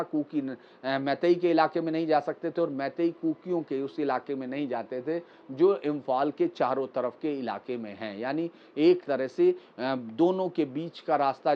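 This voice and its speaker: A man delivering political news commentary in a measured, explanatory way, with frequent pauses and fillers. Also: on the high side. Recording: slightly dull lo-fi recording.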